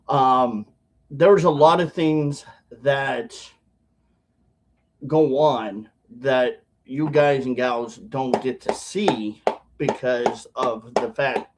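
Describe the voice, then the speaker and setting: A man vlogging casually to his viewers in a halting, rambling way, talking with chewing tobacco packed in his lip. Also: mid-range voice, rough recording. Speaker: video blogger.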